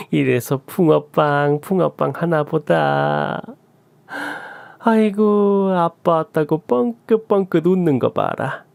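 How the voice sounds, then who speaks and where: A man voicing a pushy older mother-in-law who scolds and gloats in a high, drawn-out voice. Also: creaky, darkish tone, dry recording, exaggerated voice. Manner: shrill, scolding, drawn-out wails.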